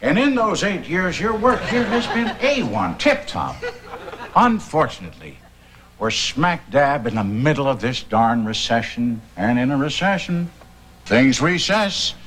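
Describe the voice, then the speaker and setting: A man's voice: a little high, very animated, measured pace, fairly bright tone, a little hiss or hum. An actor playing a smug, scheming company boss who talks down to his employee in a sitcom. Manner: glib, patronizing. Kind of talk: sitcom acting.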